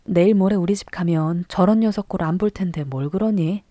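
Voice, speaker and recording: A woman reading a gentle, soothing young lady. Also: fairly low pitch, no room sound, clean studio sound, lightly acted. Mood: tender. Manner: soft, slow and comforting. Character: gentle kind young lady of a rich house.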